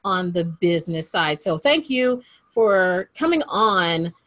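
A woman's voice: on the low side, lively intonation, takes it slowly, fairly bright tone, no room sound. A woman hosting a podcast interview, upbeat and chatty, repeating phrases for emphasis. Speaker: podcast host.

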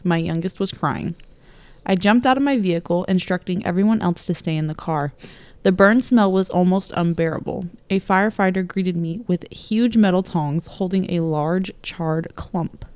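A woman's voice: on the low side, darkish tone, no echo. A middle-aged woman co-hosting a podcast, chatting bluntly and reading stories aloud, swearing casually and laughing often. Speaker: podcast co-host.

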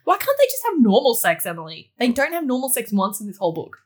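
Husky, animated woman chatting about a book. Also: a little high, fast talker. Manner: blunt, giggly, animated reactions. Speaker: book podcast co-host. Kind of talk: casual chat.

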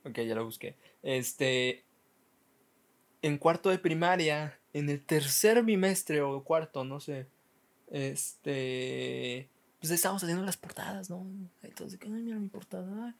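A man's voice: fairly high pitch, slow pace, creaky. Podcast host, Mexican man, brash self-mocking storyteller, lots of swearing. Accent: Mexican Spanish. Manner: profane, self-mocking, stumbling repeats. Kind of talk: casual comic storytelling.

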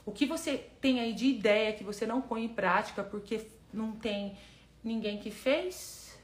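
A woman's voice: a little high, moderate pace. A woman with a Brazilian Portuguese accent giving a motivational live stream as a personal development coach, emphatic and repetitive, calling her listeners "my love".

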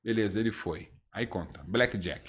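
A middle-aged podcast host from Brazil, telling teasing stories in a casual chat. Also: male voice, on the low side, normal speed. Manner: lively storyteller, teasing.

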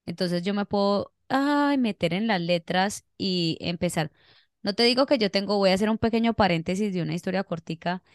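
A young Colombian woman chats on a podcast, rambling through stories with easy laughs. Her voice is smooth and resonant, at a middling pitch. The sound is dry and close. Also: moderate pace, no echo. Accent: Colombian Spanish. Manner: chatty, laughing, rambling storyteller. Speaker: podcast co-host. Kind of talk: casual chat.

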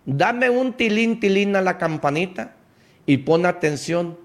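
Slow, emphatic motivational radio man. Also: high-pitched, lively intonation. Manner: preachy, emphatic, direct address to listener.

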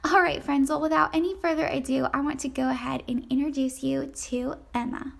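Woman, podcast host, upbeat, effusive, high voice. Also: fairly even intonation, a little fast, gravelly, over loud music. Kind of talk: podcast interview.

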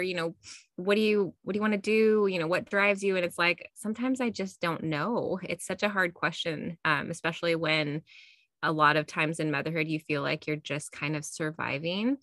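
A woman's voice: fairly low pitch, pushed and bright, no room sound, studio quality. A woman co-hosting a podcast in casual, chatty, self-deprecating talk, recorded in a closet on her own podcasting mic. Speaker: podcast co-host. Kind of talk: casual chat. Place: small closet at home.

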